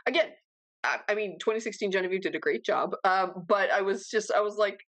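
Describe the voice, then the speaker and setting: A woman in her thirties co-hosting a podcast, chatting casually in a fast, animated rush of words. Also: mid-range voice, dry recording. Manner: fast, animated, self-described freight-train talker. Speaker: podcast co-host.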